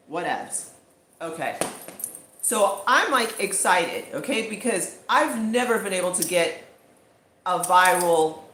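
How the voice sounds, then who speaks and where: A woman's voice: on the low side, a bit bright, slight background noise. A woman telling a storytime vlog in a casual, chatty way, full of "like" and "you know". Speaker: vlogger. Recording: echoey room with faint ambience.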